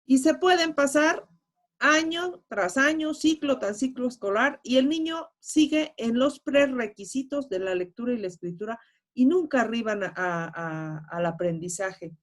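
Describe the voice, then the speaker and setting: A woman's voice: on the high side, expressive, measured pace. A woman moderating a webinar, reading out audience questions in an encouraging, conversational way.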